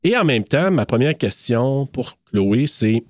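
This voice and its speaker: A man co-hosting a horror film podcast in Quebec French, playful and chatty, with quick asides to his co-host and guest. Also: mid-range voice, lively intonation, a little mellow, no room sound, studio quality. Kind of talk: casual podcast chat.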